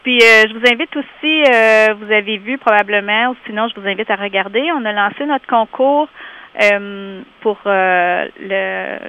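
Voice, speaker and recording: A woman with a Québécois French accent calling in to a radio show for a community group, talking in a lively way with many hesitations. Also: mid-range voice, normal speed, clear, resonant tone. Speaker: community organization representative. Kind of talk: casual radio interview by phone. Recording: tinny phone line.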